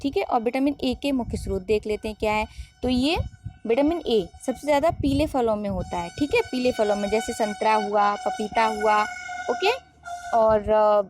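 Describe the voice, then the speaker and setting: A woman's voice: a little high, a little mellow. A woman teaching a biology lesson online, who asks questions and answers them herself.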